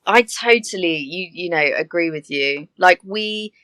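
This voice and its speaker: A woman who works as an air hostess, telling stories in a chatty, animated way with laughing asides. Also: fairly low pitch, measured pace, no room sound. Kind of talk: casual interview chat.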